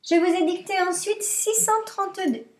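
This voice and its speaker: A woman teaching primary maths, dictating to young pupils with deliberate articulation and repeating herself. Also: very high voice.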